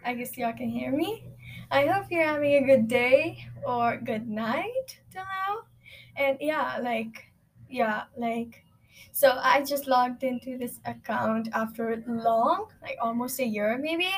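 A woman's voice: sits high, takes it slowly. A teenage girl talking casually into a recording, rambling and reflective with lots of fillers. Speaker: student.

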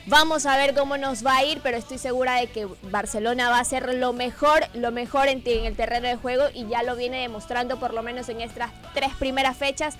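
A woman's voice: a little high, steady tone, brisk, hardly any pauses, a bit bright, faint music behind. A woman with an Ecuadorian accent co-hosting a sports radio show, presenting live.

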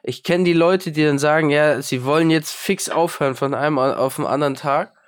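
Sounding fairly high-pitched and talking a little fast, this young podcast co-host has a cold. His casual chat wanders, full of self-mockery and frequent hesitations.

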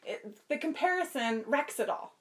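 A woman talking casually and informally as a podcast guest, telling things in an animated way. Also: sits high, moderate pace. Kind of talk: casual chat.

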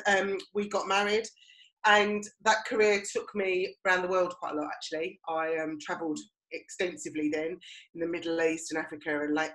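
A fairly low-pitched, slightly bright voice belongs to a middle-aged woman from Romford in Essex, England. With her Essex accent, she co-hosts a podcast and relates personal stories conversationally, in audio that sounds roomy and echoey.

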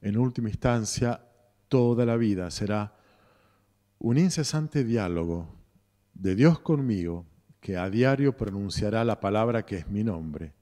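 A man with a low, mellow voice and a Rioplatense Argentine accent preaches a slow, reflective homily, going back over his phrases with pauses between them. His voice rings through a long cathedral reverb. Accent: Rioplatense Spanish. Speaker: parish priest. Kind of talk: sermon.

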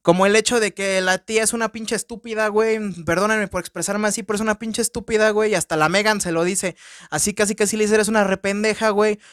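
A man's voice: sits high, fairly even intonation, fast talker, fairly bright tone, smooth, no room sound. Man, Mexican Spanish accent, podcast host, casual film review, crude profane jokes, dry close sound. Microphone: podcast microphone.

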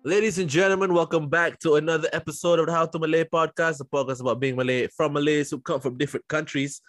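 A man's voice: fairly high pitch, fairly even intonation, fast, a bit bright, no room sound, faint music behind. A man from Singapore hosting a podcast with friends, joking loosely and often restarting his sentences. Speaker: podcast host and comedian. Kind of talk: casual podcast banter.

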